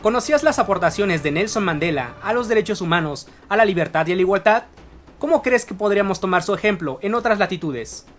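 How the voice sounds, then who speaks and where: A host narrating a scripted educational video in an earnest, measured way, often turning to ask the viewer questions. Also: medium pitch, animated. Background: faint background music.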